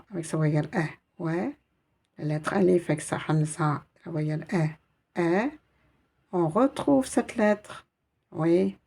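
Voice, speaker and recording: A woman's voice: on the low side, vocal fry, warm tone, husky. A woman teaching Arabic reading in a patient, encouraging way, naming each letter and sound one by one. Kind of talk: slow step-by-step reading lesson.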